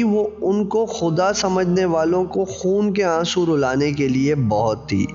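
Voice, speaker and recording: A man with a fairly high, slightly mellow voice narrates a religious novel as an audiobook reader, using a formal, literary delivery for the scripted text. The recording is dull and lo-fi, with music playing in the background.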